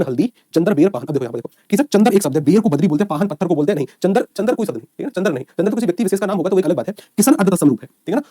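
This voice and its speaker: A man's voice: high-pitched, mellow, no echo, studio quality. A man teaching an online exam-prep lecture, quizzing his students and answering his own questions, with folksy asides.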